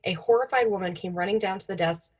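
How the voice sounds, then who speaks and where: Husky young woman telling stories offhandedly. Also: medium pitch, fast. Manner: informal, offhand. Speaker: podcast co-host. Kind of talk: casual storytelling, partly read from notes.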